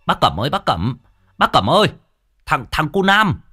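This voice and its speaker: A man shrieking as a loud, frantic village woman. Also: fairly high pitch, sing-song, normal speed, breathy edge, no room sound, studio quality, soft background music, pitched above the performer's own voice, exaggerated voice.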